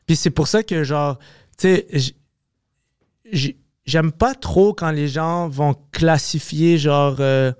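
A man with a Québécois French accent, a comedian talking as a podcast guest, animated, swearing often and slipping into English. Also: a little high, slow pace, clear, resonant tone, no room sound, clean studio sound. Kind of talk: casual podcast conversation.

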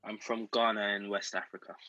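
A man's voice: lowish voice, level tone, fairly quick, sharp tone, no echo, muffled recording. A man with a South London accent, chatting casually as a guest in an interview. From South London, England. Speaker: podcast guest.

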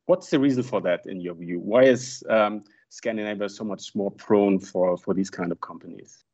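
A man's voice: fairly low pitch, normal speed, darkish tone. A man moderating a panel discussion, putting questions to the guests as host. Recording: dull lo-fi sound.

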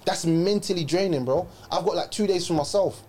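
A man's voice: high voice, brisk, a little mellow, a little hiss or hum. A young man, talking emphatically in a casual chat and lecturing his friend in heavy slang.

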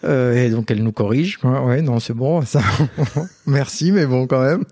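A man's voice: mid-range voice, unhurried, warm tone, no room sound, studio quality. A man being interviewed as a company founder, chatting casually and hesitantly, with many fillers and restarts.

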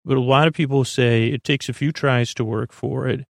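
With a steady tone at moderate speed, a middle-aged man hosts a sleep podcast, wandering through a rambling bedtime monologue. His creaky, mid-range voice is full of uhs, restarts, and self-interruptions, captured in a dry, clean studio recording.

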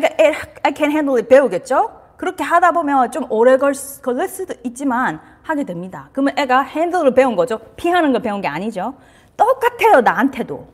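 A woman's voice: high-pitched, slightly rough. A woman giving a casual talk on parenting and anxiety, asking her listeners questions and slipping in English terms. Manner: lively, asks the audience questions, drops in English terms. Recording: reverberant room.

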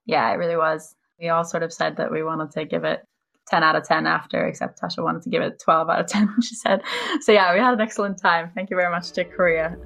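Relaxed woman chatting and laughing. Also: sits low, fast, vocal fry. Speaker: podcast co-host. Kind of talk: casual chat.

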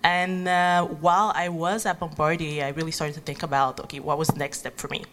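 A woman in her thirties from Haiti, a guest entrepreneur telling her story in a relaxed interview, with many ums and likes. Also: low voice, fairly quick, noisy background. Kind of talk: conversational interview.

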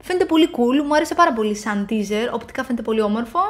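A woman co-hosting a casual film chat with a somewhat high voice. She chimes in eagerly and often agrees with her partner, while pushing her own opinions with enthusiasm. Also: animated. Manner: quick to agree, enthusiastic asides. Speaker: podcast co-host. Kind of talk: casual pop-culture chat.

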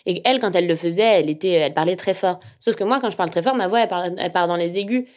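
A young woman, a journalist, telling her own story in a relaxed, hesitant way, with a slightly nasal voice and many fillers. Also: lowish voice, rapid-fire. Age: young adult. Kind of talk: casual personal storytelling.

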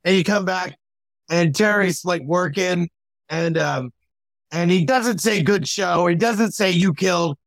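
A man's voice: high-pitched, unhurried, a bit bright, no room sound. A man who does comedy, chatting casually about his gigs with plenty of "you know". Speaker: comedian guest. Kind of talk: casual chat.

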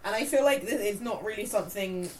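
A woman co-hosting a podcast, chatting in a relaxed, matter-of-fact way. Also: medium pitch, fast, a little hiss or hum. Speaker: podcast co-host. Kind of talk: casual chat.

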